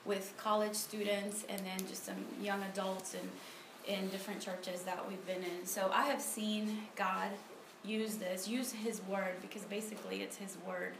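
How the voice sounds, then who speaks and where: A woman's voice: medium pitch, flat delivery, unhurried, hardly any pauses. A woman from Honduras in her thirties giving a casual personal testimony at a church meeting, talking with many ums and restarts, recorded on a phone. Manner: conversational, frequent ums and restarts. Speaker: speaker at a church ministry meeting. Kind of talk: personal testimony talk with prayer. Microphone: phone recording on a table. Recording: echoey room with noticeable background noise.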